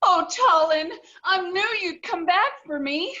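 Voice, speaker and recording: An actress playing a helpless, overwrought young damsel in a hammy stage melodrama. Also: female voice, extremely high pitch, lively intonation, bright, forceful tone, lo-fi sound, exaggerated voice. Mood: overjoyed. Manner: pleading, slow and melodramatic.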